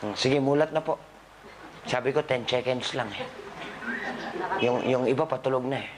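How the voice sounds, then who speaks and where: A man's voice: mid-range voice, moderate pace, background noise. A man, a doctor, giving a live talk to patients, scolding them with humor and quizzing the audience. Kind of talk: live motivational health talk.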